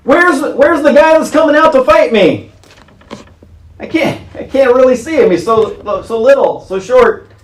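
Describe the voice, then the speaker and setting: A man's voice: very high-pitched, expressive, measured pace, distant mic, voice pushed up. A male preacher voicing a boastful giant warrior who mocks his small opponent. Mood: mocking. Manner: mocking, squinting search for a tiny foe. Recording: roomy church sanctuary.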